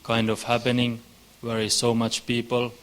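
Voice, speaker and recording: A man speaking haltingly, with many fillers and restarts. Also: mid-range voice, completely flat delivery.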